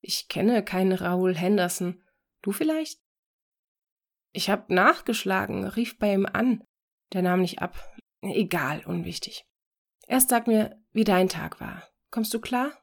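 Woman reading as a young guy on the phone, kinda wired, rambles fast. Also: mid-range voice, animated, gravelly. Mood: confiding. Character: restless young man on the phone.

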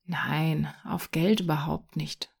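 A woman's voice: medium pitch, a little slow, vocal fry, a little mellow, slightly rough. Woman reading as a stubborn, sad nine-year-old boy. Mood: proud.

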